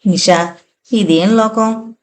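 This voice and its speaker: A woman's voice: mid-range voice, slow pace, close to an everyday voice. A woman narrator voicing an entranced, lovesick young man in an audio novel, speaking in a plaintive, pleading way.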